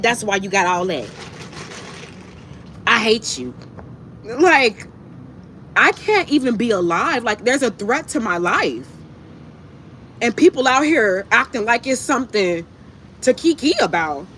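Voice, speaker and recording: A woman with a fairly high, very animated voice holds forth to her livestream viewers while eating. She is blunt and slangy, swearing freely and repeating phrases for emphasis. There is noticeable background noise on the recording. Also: measured pace, pauses often. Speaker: livestream host talking to viewers. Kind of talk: casual, impassioned monologue to viewers.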